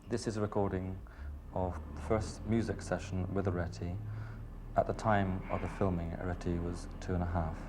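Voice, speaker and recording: A man, a music therapy researcher calmly explaining session footage, heard on an old noisy 1980s documentary recording. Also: deep voice, normal speed.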